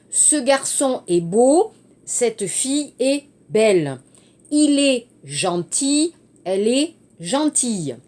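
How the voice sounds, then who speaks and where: A teacher walks her class through exercise answers at an unhurried pace. Her voice sits high and moves a lot, rising and falling as she spells out endings and explains each adjective in simple terms. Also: a little mellow. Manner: slow, spelling out words and switching into Korean glosses. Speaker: French teacher. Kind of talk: online language lesson, correcting exercises.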